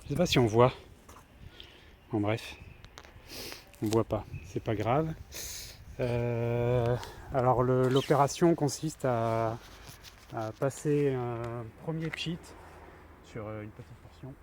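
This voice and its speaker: A man's voice: medium pitch, slow, pauses often, darkish tone, slight background noise. Chatty man thinking aloud at work. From France. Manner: chatty, thinking aloud with fillers while working. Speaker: van builder. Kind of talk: casual DIY vlog narration. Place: outdoors beside a van.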